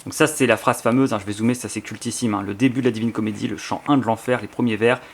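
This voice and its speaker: Speaking fast in a gravelly, lowish voice with fairly even intonation, a French-accented man presents his book collection on YouTube. He unboxes a book and leafs through it, chatting with casual enthusiasm. The talk is spontaneous and rambling, packed with fillers and false starts.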